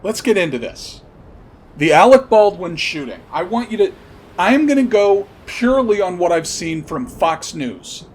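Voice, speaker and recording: This man's voice sits high and swings widely in pitch at a normal speed. As a podcast host and commentator, he delivers an opinionated monologue, spelling out his points emphatically and repeating them.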